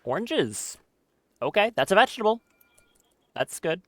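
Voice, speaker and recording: A man's voice: high voice, very animated, measured pace, dry recording. A man giving casual live commentary on his gameplay stream, swearing often and talking nervously as he goes.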